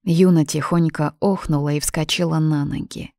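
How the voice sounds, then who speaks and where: Low, gravelly woman reading a story. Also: normal speed, dry recording, clean studio sound. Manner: calm, even literary reading. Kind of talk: reading a fairy tale aloud.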